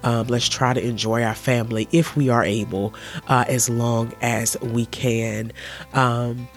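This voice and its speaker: A man's voice: medium pitch, flat delivery, measured pace, soft background music. Nasal, under-the-weather male podcast host. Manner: earnest, gentle advice-giving. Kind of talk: casual solo podcast monologue.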